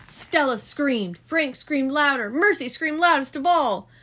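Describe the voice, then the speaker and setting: Animated mother reading a bedtime story. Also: high voice, unhurried. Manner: animated, expressive. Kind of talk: storybook read-aloud.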